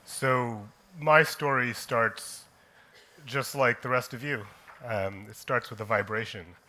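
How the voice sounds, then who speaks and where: A man from Kenya telling his personal story on a conference stage, slow and deliberate, with frequent pauses and "um"s. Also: medium pitch, bright, forceful tone. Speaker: conference speaker, company co-founder.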